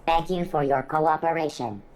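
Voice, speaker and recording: Woman playing a robot, glitching, clipped error announcements, low pitch, stiff and formal. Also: normal speed, a little mellow, lightly acted, rough recording. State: glitching, stuck on error messages. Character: malfunctioning security robot, female-voiced, stiff and formal. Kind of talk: video game dialogue.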